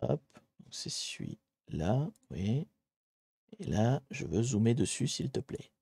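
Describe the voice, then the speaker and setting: A man streaming live, chatting with his viewers as he hunts through online maps and grumbles at the software. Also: mid-range voice, very animated, takes it slowly, gravelly, breathy edge, no echo. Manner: chatty, talks to chat while searching maps, mildly exasperated. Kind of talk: live-streamed geography puzzle commentary.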